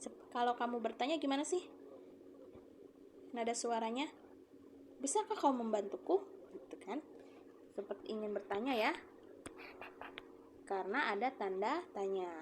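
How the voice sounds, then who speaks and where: Patient woman teacher, fairly high voice. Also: moderate pace, pauses often, slight background noise. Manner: patient, explanatory, often checks understanding. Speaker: primary school teacher. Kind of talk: reading-aloud lesson for children.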